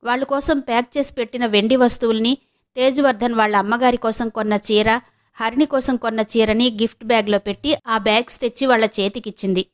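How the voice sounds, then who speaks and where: An audiobook narrator, a woman, reads a novel aloud in a steady storytelling manner. Her voice is on the high side and her pace is brisk.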